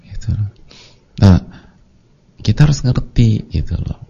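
Male preacher, lively sermon, dark husky tone on a muffled recording. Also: fairly low pitch, unhurried. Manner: lively, acts out congregants' voices. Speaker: Islamic preacher. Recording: dull lo-fi audio recording.

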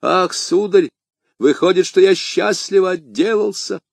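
A man voicing a frightened young male servant, exclaiming in a high, fearful voice. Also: unhurried, vocal fry, no echo, exaggerated voice.

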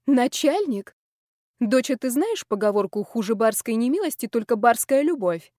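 A woman's voice: on the high side, sing-song, moderate pace, darkish tone, no room sound, clean studio sound. A woman voicing a practical, cautious mother. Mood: advising. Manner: matter-of-fact, advising. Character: worried middle-aged mother, practical and cautious.

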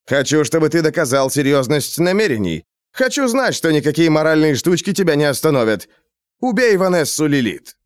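A man's voice: on the high side, big pitch swings, brisk, smooth, dry recording, pitched above the performer's own voice. A man doing a sly, mocking gang boss. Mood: menacing. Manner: mocking, bullying.

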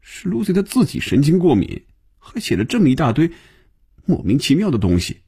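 A man's voice: mid-range voice, big pitch swings, fairly quick, dark tone, husky, pitched above the performer's own voice. A man voicing a petulant young woman office worker, whiny and coaxing in an audiobook. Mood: aggrieved.

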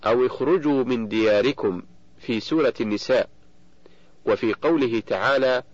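A man's voice: mid-range voice, no room sound. Man reading steadily in a dull recording. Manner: steady explanatory reading, slower and fuller on quoted verses. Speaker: reader of a book on Quran recitation rules. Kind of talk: measured audiobook reading.

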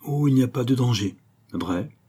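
A man's voice: medium pitch, lively intonation, normal speed, dark tone, husky, voice pushed up. A man putting on an old ragpicker woman. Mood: coarse. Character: old female ragpicker, greedy and vengeful.

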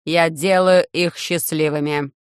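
Storybook robot overlord, loud, harsh and metallic, very slow, clear dry delivery, as a reader puts it on. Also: medium pitch, steady tone, no room sound, lightly acted. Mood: cold commanding. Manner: slow, loud, measured commands. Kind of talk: audiobook reading.

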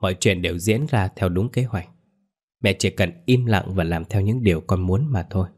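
A man voicing a cold, manipulative young man who coaxes his mother in a soft voice. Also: low-pitched, moderate pace. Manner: soft-spoken, coaxing.

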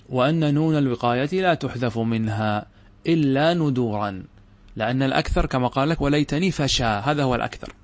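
A man teaching a classical Arabic grammar lesson, explaining step by step and often asking his students whether the point is clear. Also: mid-range voice, no echo.

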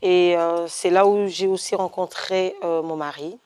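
Woman, from Congo, middle-aged, low voice, hesitant, personal testimony. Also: steady tone, a little slow, darkish tone. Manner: hesitant, many fillers and restarts. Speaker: testimony speaker.

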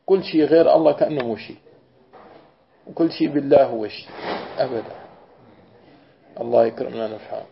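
A man's voice: medium pitch, a little hiss or hum. A man, a sheikh teaching scripture commentary, correcting and explaining his student. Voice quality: gravelly. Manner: interjects to correct and explain, drawn-out slow repetitions. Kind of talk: religious lesson commentary. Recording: dull lo-fi recording.

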